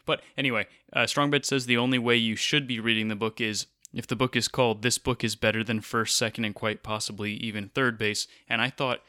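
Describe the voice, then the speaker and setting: Bright young man with a dry wit. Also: medium pitch, steady tone, brisk, few pauses. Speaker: podcast co-host. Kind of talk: casual chat.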